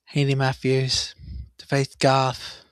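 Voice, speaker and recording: A man hosting a live cricket watchalong, chatty and excitable, jumping up in pitch at big moments. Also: slow pace, smooth, no room sound. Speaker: watchalong host.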